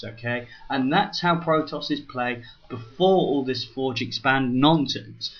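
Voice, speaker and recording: A man casually commentating a recorded strategy game match, ranting animatedly and talking straight to his viewers. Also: medium pitch. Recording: slightly dull lo-fi recording.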